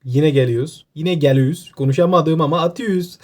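A man with an Aegean Turkish accent giving casual, joking gameplay commentary, excitable and talking to himself. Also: a little high, a little fast. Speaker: gaming YouTuber.

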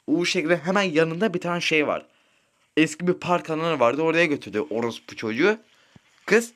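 Over a mobile game, a teen streamer with a fairly high, somewhat bright voice casually rambles through crude school stories. He swears a lot and keeps asking "right?", and there is slight background noise.

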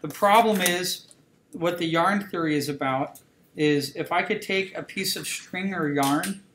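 The instructor's voice is fairly high and bright, and he takes his time as he draws and lectures. He talks to the class casually, checking in with a frequent "okay?", while faint noise fills the roomy classroom.

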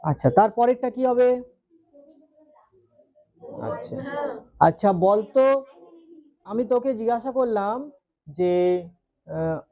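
Taking it slowly with long pauses, a male teacher with an extremely high, lively voice teaches grammar in a West Bengal Bengali accent. He drills the class with questions and stretches syllables, and the audio is dull.

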